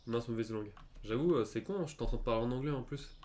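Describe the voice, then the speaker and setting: A man's voice: medium pitch, fast, a little mellow, a little hiss or hum. A young adult man from France with a French accent, chatting casually and hesitantly while streaming a game, with many fillers and restarts. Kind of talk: casual gaming chat.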